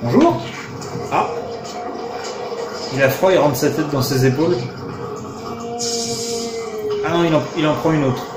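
A man's voice: fairly high pitch, unhurried, long pauses. Joking man over game music. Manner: joking, sarcastic, excitable outbursts. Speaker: let's play commentator. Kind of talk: casual gameplay commentary. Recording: roomy sound with game music behind.

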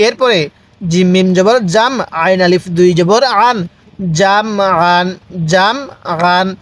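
High-voiced man teaching Quran recitation. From Bangladesh. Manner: spells out letters and vowel marks, then recites slowly and has viewers repeat; asks viewers questions, then answers them himself. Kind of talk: step-by-step recitation lesson.

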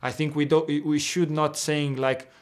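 Earnest young footballer with Portuguese roots. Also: male voice, a little high, little pitch movement, normal speed. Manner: earnest, repeats and restarts words. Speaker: footballer guest. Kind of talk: interview answers. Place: indoor locker room. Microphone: video call.

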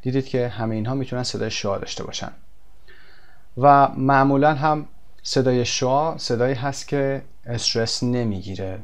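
A man with a medium-pitched voice teaches a recorded English lesson. He explains things in quick bursts and pauses on filler words, then reads his example sentences slowly and carefully.

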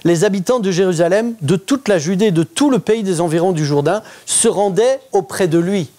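A middle-aged man with a fairly high voice preaches a sermon in church. He keeps it conversational and lively and often stops to question the congregation. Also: moderate pace. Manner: interactive, asks the congregation questions. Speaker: pastor.

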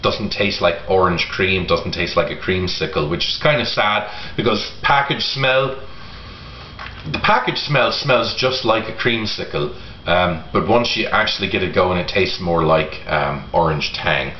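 A middle-aged man giving a casual product review to camera in a halting way, pausing often. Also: low voice. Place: home kitchen, indoors. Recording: roomy echo, dull sound, faint noise.

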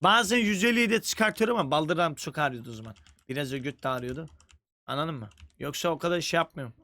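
A young man streaming a game, chatting profanely and joking, flaring into mock-angry shouting. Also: fairly high pitch, expressive, fast, a little hiss or hum. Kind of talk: casual live-stream gaming commentary. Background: music.

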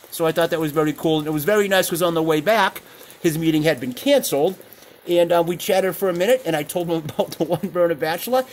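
A man's voice: on the high side, a little hiss or hum. An older man hosting a casual cooking vlog in his small apartment, rambling and chuckling as he talks. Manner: rambling, chatty, chuckles often. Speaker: cooking channel host.

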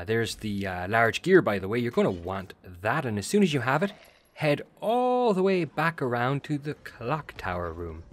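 A man hosting a casual, chatty game walkthrough, talking the viewer through each step with a jokey edge. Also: medium pitch. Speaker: gaming video host.

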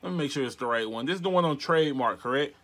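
An American man in his twenties doing a casual prank vlog, talking in a slangy, halting way to a phone and camera in a bedroom. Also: medium pitch, expressive, a bit bright, a little hiss or hum. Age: 20s. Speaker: prank caller and video host. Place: small bedroom, indoors. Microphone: device mic at arm's length.

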